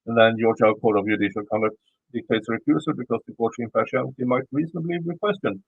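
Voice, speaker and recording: A Swedish YouTube commentator, a non-native English speaker with a Swedish accent, reads a court filing aloud at a quick pace, stumbling, restarting words, and dropping blunt, cursing asides. His medium-pitched voice is gravelly and slightly rough. The audio is narrow and tinny, with no room sound.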